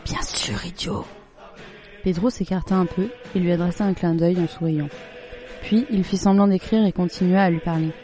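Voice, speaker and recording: A storyteller reading a children's story aloud in a calm, measured narration. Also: mid-range voice. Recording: faint music bed.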